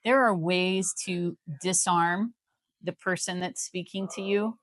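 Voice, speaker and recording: Slow and steady, a lowish female voice explains things with persuasive emphasis, free of room sound. She's an American healthcare company CEO from Missouri, a guest on a live interview.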